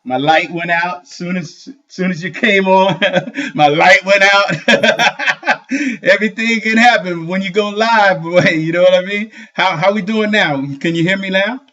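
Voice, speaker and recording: A man hosting a live sports talk show over a bad connection, his voice fuzzy and distorted, loud and quick to laugh. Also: sits high. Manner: loud, excitable, laughs often. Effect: fuzzy, distorted, muffled sound from a bad connection. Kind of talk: casual live-stream chat. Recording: muffled lo-fi live-stream audio.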